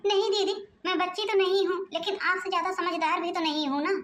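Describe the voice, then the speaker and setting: Sly, mock-obedient cartoon bride with an Awadhi accent, voiced by a woman, high voice, roomy mic. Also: steady tone, quick pace, a bit bright. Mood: mock-sweet. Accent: Awadhi-region Hindi. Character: cheeky stubborn young daughter-in-law.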